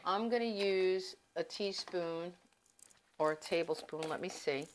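A woman's voice: lowish voice, unhurried, background noise. A woman chatting casually in her home kitchen as she shows how to cook. She rambles and confides in her viewers as she goes. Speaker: home cooking vlogger. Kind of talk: casual cooking demonstration.

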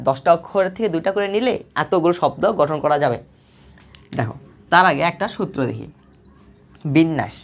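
Woman math teacher, low voice, patient and repetitive, answers her own questions. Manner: patient, repetitive explaining, asks questions and answers them herself. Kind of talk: recorded video lesson.

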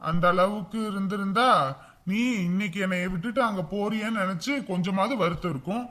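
A sulking husband. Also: male voice, sits high, fairly even intonation, a little fast, fairly bright tone.

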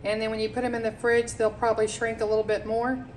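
A woman's voice: a little high, level tone, quick pace, darkish tone, a little hiss or hum, poor audio. A woman giving chatty step-by-step cooking instructions in her home kitchen, talking straight to her viewers. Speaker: home cooking channel host. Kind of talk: casual cooking demonstration.

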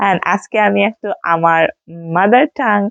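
A woman with a Sylheti Bengali accent chats casually through a vlog voice-over and drops English fillers as she goes. Her voice sits low with a gravelly edge. The sound is dry and dull, with a lo-fi quality. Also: no echo. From Sylhet, Bangladesh. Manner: chatty, sprinkles English fillers. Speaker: vlogger.

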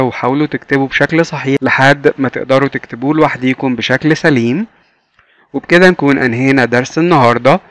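A man's voice: mid-range voice, fairly bright tone, clean tone, no room sound. Man, Egyptian Arabic accent, kindergarten English teacher, repetitive drilling, dry close sound. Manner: slow, repeats each word several times. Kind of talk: children's English lesson.

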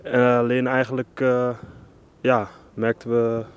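A man's voice: mid-range voice, completely flat delivery, measured pace, smooth. A young man, a footballer, answering interview questions hesitantly with many fillers.

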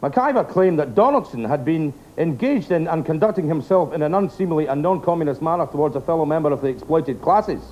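A man's voice: a little high, expressive, brisk, few pauses, dull audio. A man narrating a story in a dry, wry way.

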